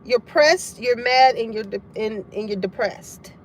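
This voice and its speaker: A woman with a fairly high voice reads tarot at a measured pace for her collective audience, and there's a slight hiss or hum in the background. She's casual, frank, and profane, laughing a lot while she talks.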